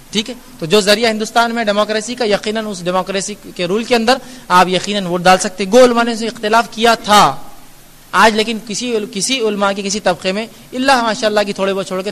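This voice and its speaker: In a large hall, a man whose voice sits high with a fairly bright tone responds to audience questions. He's an Islamic lecturer, earnest and admonishing, making his explanations through everyday examples.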